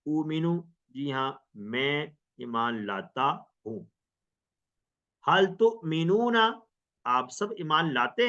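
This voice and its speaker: Patient male teacher, drills phrases by question and answer, slow delivery, muffled recording. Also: mid-range voice, bright, forceful tone. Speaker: Arabic teacher. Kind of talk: recorded grammar lesson. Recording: dull lo-fi recording.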